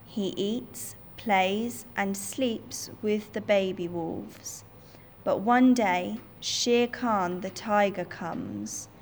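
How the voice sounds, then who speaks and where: Woman narrator, simple learner storybook, slow, clear, faint background hiss. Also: mid-range voice.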